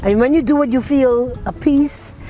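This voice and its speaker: A woman's voice: high-pitched, moderate pace, warm tone, low-quality recording. A woman from the Bahamas with a Bahamian accent, a poet who recites dialect poetry and talks about her writing in a rhythmic storytelling way.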